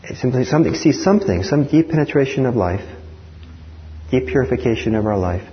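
A man from Norway giving a dharma talk as a meditation teacher, speaking in a reflective, measured way. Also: medium pitch, expressive. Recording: dull lo-fi talk recording with faint hiss.

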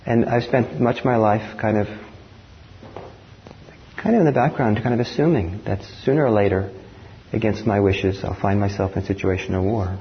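A man from Norway giving a dharma talk as a meditation teacher, speaking in a reflective, measured way. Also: lowish voice. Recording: dull lo-fi talk recording with faint hiss.

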